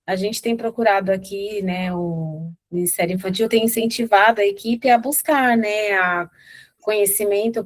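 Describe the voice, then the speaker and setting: A woman speaks over a video call, hesitating and pausing on fillers. Her pitch sits in a typical middle range. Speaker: children's ministry teacher. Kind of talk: casual talk on a video call.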